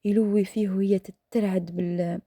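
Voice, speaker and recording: A woman with an Algerian accent telling a dramatic story in a hushed, half-whispered voice while cooking, close to the mic. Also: mid-range voice, fairly even intonation, normal speed, no room sound. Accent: Algerian Arabic.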